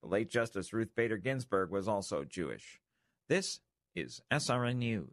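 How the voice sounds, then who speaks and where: A man's voice: lowish voice, very animated, moderate pace, no room sound, clean studio sound. A man with an American accent reading scripted radio news as an anchor.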